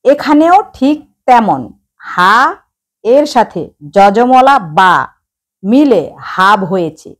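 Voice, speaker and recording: A woman's voice: on the high side, lively intonation, slow. A woman teaching Quran reading, addressing viewers directly and sounding out letters one by one. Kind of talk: slow instructional explanation.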